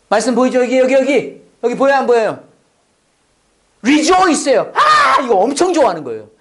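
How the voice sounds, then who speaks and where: A male pastor preaching a sermon. He acts out quotes, sometimes shouts, and sometimes drops to a near whisper. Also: high voice.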